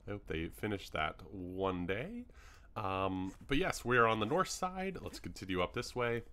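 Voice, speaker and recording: Pitched fairly low and sounding fairly bright, a young Canadian gaming YouTuber talks at a normal speed but very animatedly. His build-tour commentary is loose and chatty with lots of ums, and he has hiccups as his voice starts giving out.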